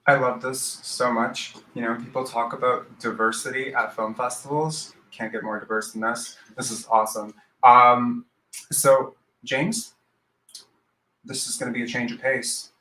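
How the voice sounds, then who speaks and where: Bright-voiced man moderating a live panel. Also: mid-range voice, flat delivery, unhurried, a little hiss or hum. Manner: upbeat, enthusiastic. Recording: roomy echo.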